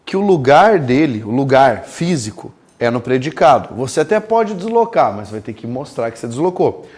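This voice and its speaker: A man teaching a grammar lesson, emphatic and drawing out terms slowly as he dictates. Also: mid-range voice, sing-song, darkish tone. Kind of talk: recorded classroom lecture.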